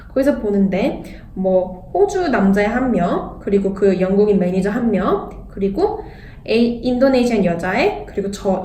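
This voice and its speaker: A woman's voice: medium pitch, dark tone, a little hiss or hum. A young Korean woman talking candidly in a casual vlog, blunt and sarcastic at times. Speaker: vlogger. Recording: echoey room, voice a bit distant.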